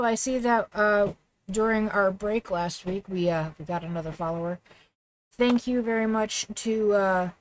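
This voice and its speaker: A woman chatting casually to viewers on a live game stream, self-deprecating and full of fillers. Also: fairly low pitch.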